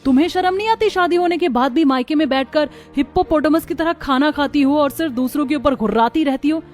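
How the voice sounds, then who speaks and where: Lady voicing a bold young cartoon girl, talks back sharp, mellow high voice. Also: a little fast, faint music behind, lightly acted. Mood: mocking. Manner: defiant, sharp retorts. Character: bold young woman, sharp-tongued friend.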